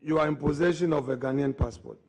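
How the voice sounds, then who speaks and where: A higher-voiced man leads formal questioning at a parliamentary hearing. He drags out key phrases slowly and deliberately. He keeps returning to the same point, pushing for a clear answer. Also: darkish tone. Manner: slow, deliberate, pressing questions. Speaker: committee member questioning the nominee.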